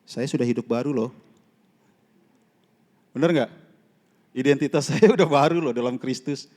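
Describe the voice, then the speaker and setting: Male evangelist, mid-pitched, sermon delivery that swings from loud emphasis to near-whispered stories, reverberant church. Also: moderate pace. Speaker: evangelist preaching. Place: church sanctuary. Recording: long reverb of a church hall.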